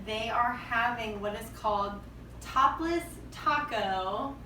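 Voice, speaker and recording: Bright-voiced woman, roomy and off-mic. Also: fairly high pitch, takes it slowly, recorded from a distance. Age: late 20s. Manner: profane, joking. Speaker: podcast co-host. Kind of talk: casual chat. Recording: roomy, off-mic, faint background noise.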